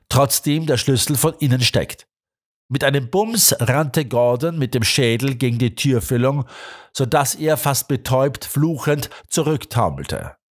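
A man narrating a detective story in an expressive reading voice. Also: mid-range voice.

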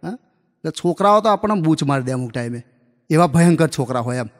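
Man, live stand-up comedian, acts out dialogue, high voice, long reverb of a hall. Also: lively intonation, brisk. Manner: folksy anecdotal delivery, acts out dialogue. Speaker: stand-up comedian telling school jokes. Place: live comedy stage before an audience.

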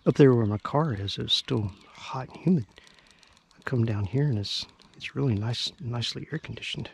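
Picked up by a camera mic on a dawn riverbank, a fishing vlogger chats about what he's doing as he fishes. His voice is mid-range, creaky and slightly rough, delivered at normal speed, with faint birdsong and outdoor ambience in the background.

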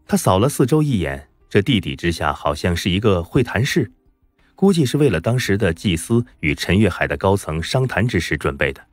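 Brief: male audiobook narrator, very low voice with wide, lively swings, dry close sound, faint music bed. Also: fairly quick, no room sound. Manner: dramatic, emphatic storytelling. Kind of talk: scripted web-novel narration.

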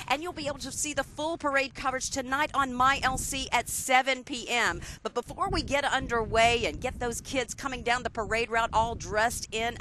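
A woman's voice: fairly high pitch, bright, forceful tone. A middle-aged American woman giving upbeat, chatty live parade commentary as host on a headset mic outdoors. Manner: upbeat, chatty broadcast delivery. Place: outdoors on a downtown street. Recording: outdoor street ambience, clear background noise.

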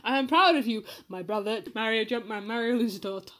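Giggling and playful, a woman reads fanfiction in a comic, mock-dramatic style, breaking off to add her own comments. Her voice is fairly high and fairly bright, and she moves briskly.

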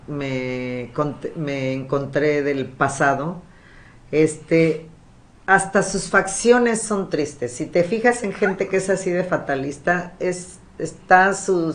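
Chatty woman, lowish voice. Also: takes it slowly. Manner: chatty storyteller, frequent "este" fillers. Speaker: podcast host. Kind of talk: casual chat.

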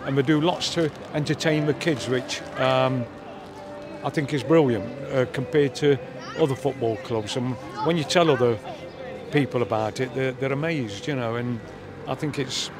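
An interviewer holds out a handheld mic to a grandfatherly football fan by a stadium car park, and he answers thoughtfully, filling his speech with fillers. His voice is mid-range and normally paced over a noisy background.

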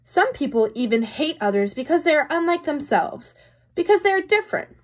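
Reading aloud to kids in a small room, this young woman's voice sits high with big pitch swings and a slightly quick pace. She handles the picture book teacher-style, pausing for explanations and questions to the children.

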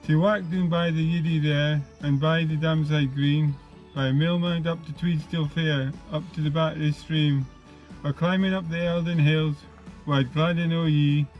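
An older Scottish man outdoors, reciting a dialect poem in a steady, measured way. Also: a little high, lo-fi sound, faint music behind. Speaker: hiking companion. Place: outdoors by a village notice board.

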